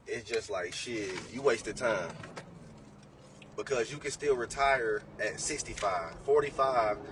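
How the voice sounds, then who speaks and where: A man in his late twenties talking as a podcast guest, blunt and profane, preaching hard-won advice. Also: medium pitch. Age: 20s. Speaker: trading educator guest. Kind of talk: casual podcast talk. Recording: distant mic with faint background noise.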